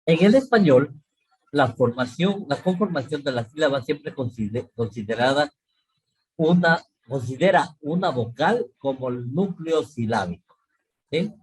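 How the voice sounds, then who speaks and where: Husky man teaching an online class. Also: fairly high pitch, expressive, a little mellow, rough recording. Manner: explains slowly, repeats points, many fillers and checks of "¿sí?". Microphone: video call.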